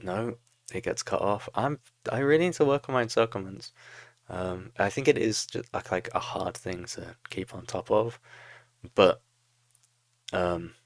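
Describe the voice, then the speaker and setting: A young man with a low, gravelly voice goes through a replay of his own strategy match at a measured pace, picking apart his mistakes and laughing at himself. It's casual game commentary, and the sound is dry and close with no echo or room around it.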